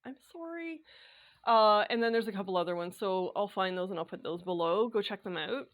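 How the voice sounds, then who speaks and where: A woman chatting casually to her camera, rambling along with fillers and little laughs. Her voice sits at a middle pitch and sounds slightly hoarse from dry indoor air. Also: fairly quick. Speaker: sewing and knitting vlogger.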